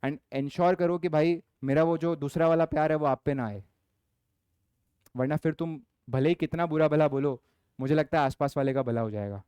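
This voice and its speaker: A young male lecturer, his voice smooth and clear and pitched a little high. He mixes Hindi and as he teaches, talking firmly to the class and slowing down to read exam questions. The sound is dry and close, with no room echo. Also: darkish tone. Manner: Hindi-English mix, firm scolding, reads questions aloud slowly. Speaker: commerce lecturer.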